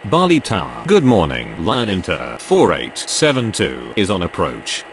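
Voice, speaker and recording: A man's voice: deep voice, wildly swooping pitch, a little slow, heavily acted. A man speaking in clipped, formal air traffic radio phraseology. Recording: faintly noisy background.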